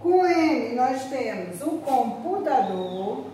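High-voiced woman teaching slowly, echoey room. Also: big pitch swings, dark tone, slight background noise. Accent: Brazilian Portuguese. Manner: slow, drawn-out words, exaggerated sounds to demonstrate. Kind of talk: recorded class lesson for young pupils.

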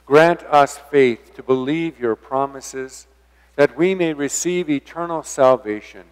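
Pastor, man, smooth measured delivery, long cathedral echo in a large church. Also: mid-range voice. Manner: slow, measured intoning. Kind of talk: leading liturgical prayer.

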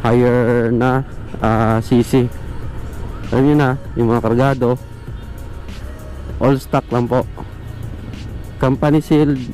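A man's voice: mid-range voice, rough recording. A man with a Filipino accent, hosting a motorbike vlog in a casual, filler-heavy way. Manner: relaxed, filler-heavy talk with frequent "ah" and "mga buddy". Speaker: motovlogger host. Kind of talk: casual vlog talk to viewers.

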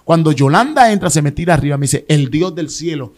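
A man's voice: fairly high pitch, animated, fairly quick, darkish tone. A male pastor, giving an emotional personal testimony in dramatic storytelling style. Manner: dramatic storytelling, voicing others in quotes.

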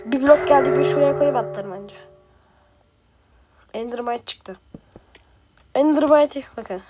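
Woman streamer, high bright voice, playful and excitable, game music clearly behind. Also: unhurried. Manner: playful, excitable, trash-talking. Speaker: gaming streamer. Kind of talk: excited gameplay commentary.

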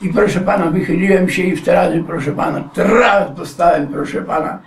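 A man's voice: sits high, a little fast, creaky. A man in his nineties, a war veteran, recalling his wartime past in a rambling oral-history interview and often addressing the interviewer as sir. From Poland. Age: 90s. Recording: echoey room, distant mic.

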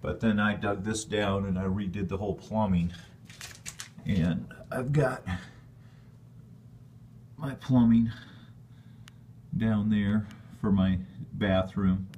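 Homeowner, male, very low voice, plainspoken, rambling tour, echoey basement. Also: gravelly, a little mellow, slight background noise. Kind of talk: casual walkthrough narration. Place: dark stone basement, indoors. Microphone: handheld phone camera.

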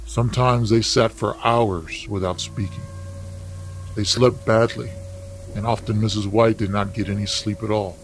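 A man reading a story aloud for language learners, with slow, careful, deliberate delivery. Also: on the low side, steady tone, slight background noise. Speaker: narrator.

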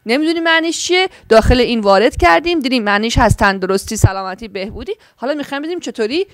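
Woman walking through a product demo step by step, kinda high voice, lots of uh. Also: expressive. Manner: explanatory, walking through steps, many fillers. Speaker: product demonstrator. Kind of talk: product demonstration.

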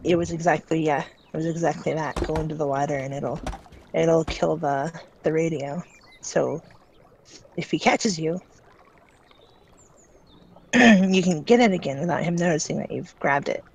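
A woman with a low, gravelly voice chats casually as she watches a game being played. She drops hints in a relaxed way and often trails off. A faint hiss sits under her voice. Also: moderate pace, pauses often. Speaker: let's play co-host. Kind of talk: casual gameplay chat.

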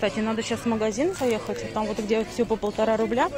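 A woman's voice: on the high side, fast talker, over music. A middle-aged woman vlogging on a handheld phone, rambling casually and thinking aloud as she goes. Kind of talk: casual vlog chat. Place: on the move: stairwell, parked car, busy supermarket. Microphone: handheld phone at arm's length.

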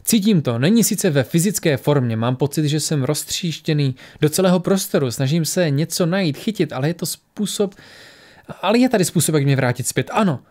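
A man's voice: fairly high pitch, lively intonation, a little mellow. A man voicing a performer who channels a lonely, searching spirit in an audiobook.

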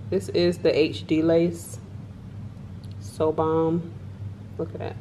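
Showing off a wig for her viewers, a young adult woman records a casual product review vlog in her kitchen and living room, chatting enthusiastically. She speaks slowly in a deep, dark, monotone voice, with slight background noise.

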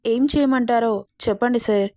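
A woman's voice: a little high, moderate pace, a little mellow, no echo, clean studio sound, lightly acted. A woman voicing a defiant young heroine who pleads earnestly and indignantly with her boss in a romance story.

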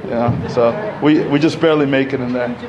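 A panel speaker at a community center hall podium, this Egyptian-born man in his thirties talks a little fast in a conversational way, often using fillers and restarting sentences. His pitch is medium and his intonation fairly even. The audio is muffled, and a crowd can be heard behind him.

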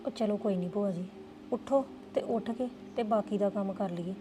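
A woman's voice: mid-range voice, moderate pace, mellow. Complaining young woman, noisy room. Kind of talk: Punjabi family drama dialogue.

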